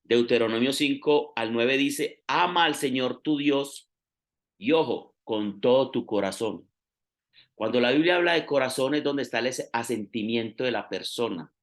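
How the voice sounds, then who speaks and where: A man's voice: mid-range voice, moderate pace. A man preaching a sermon, explaining step by step and stressing key phrases.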